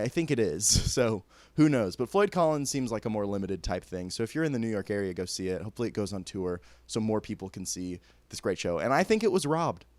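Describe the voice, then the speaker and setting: A man's voice: lowish voice, dry recording. A man chatting casually and candidly as a vlogger, joking, laughing mid-sentence and stumbling over restarts. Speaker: vlogger reviewing theater shows. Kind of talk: casual opinionated chat.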